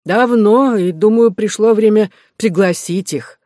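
A man's voice: sits high, a little slow, darkish tone, dry recording, clean studio sound, voice pushed up. A man reading a kindly old uncle. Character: kindly old widowed uncle, lonely, humorous.

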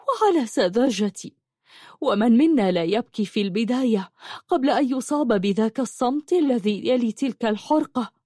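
A woman voicing a gentle, loving wife and mother who speaks softly and emotionally, in a dry close recording. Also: on the high side, breathy edge, dry recording. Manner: soft, emotional, pleading.

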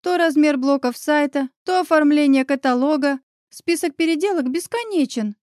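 A woman voicing an excitable pregnant young woman. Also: sits high, no echo, clean studio sound, pitched above the performer's own voice, close to an everyday voice. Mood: grumbling chat. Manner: lively, quick mood swings between tears and laughter. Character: young pregnant woman friend, emotional, chatty.

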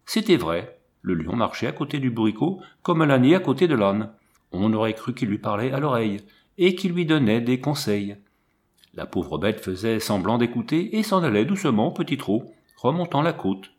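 A man reading a story aloud as narration, with lively, comic emphasis. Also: medium pitch, normal speed. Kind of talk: scripted narration.

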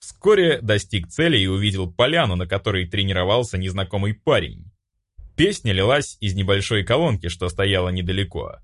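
A man narrating a first-person audiobook, expressive and acting out his own lines. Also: sits low, fairly quick.

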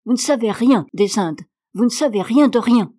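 A woman's voice: sits high, lively intonation, normal speed, darkish tone, voice pushed up. A woman reading aloud, voicing a spoiled, imperious little girl who talks down to a servant. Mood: furious. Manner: haughty, indignant.

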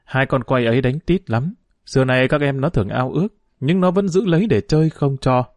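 A man narrating a novel as an audiobook, in a steady, measured storytelling voice. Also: mid-range voice, dry recording. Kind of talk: audiobook reading.

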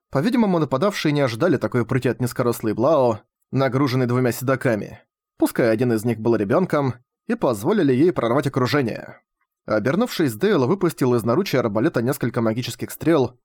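A man narrating an audiobook with expressive storytelling. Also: medium pitch, no echo, clean studio sound. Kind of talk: scripted narration.

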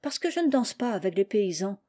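Storybook: a woman playing a sulky, haughty little girl, curt and disdainful, mellow dark tone. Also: mid-range voice, sing-song, a little fast. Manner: sharp, disdainful retorts. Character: haughty spoiled young girl, sulky and proud. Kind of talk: audiobook character reading.

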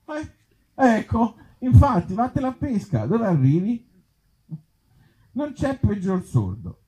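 At an outdoor festival event, a Tuscan-accented author and actor gives a live reading of absurd comic pieces and chats casually with the audience, wry and self-mocking with hesitant asides. His voice sits high and mellow, swinging hugely in pitch as he takes it slowly, and the live recording sounds muffled and dull.

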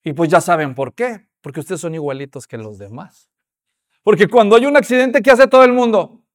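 A man preaching a sermon as a pastor, telling the story with animated, acted-out voices. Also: sits high, brisk.

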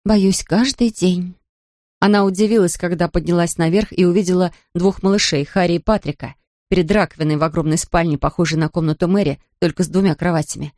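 A woman reading an audiobook novel in an even, measured storytelling manner. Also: lowish voice, no echo, studio quality. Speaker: audiobook narrator. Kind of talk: scripted narration.

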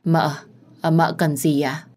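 A woman's voice: low voice, flat delivery, takes it slowly, darkish tone. A woman voicing an older female household servant, polite to her mistress and harsh when scolding the young maid. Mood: deferential.

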